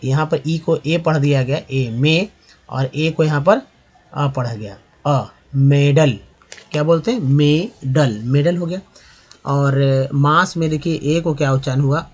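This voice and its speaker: A man giving a spoken lesson on reading English, explaining slowly with many fillers and repetitions. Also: on the high side. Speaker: English teacher.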